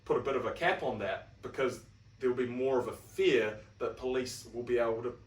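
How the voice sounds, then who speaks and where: A man's voice: medium pitch, a little fast. A young man with a New Zealand accent co-hosting a podcast, reading out points and picking them apart in a chatty, wry way. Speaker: podcast co-host. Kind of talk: casual chat. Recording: roomy room, mic at a distance.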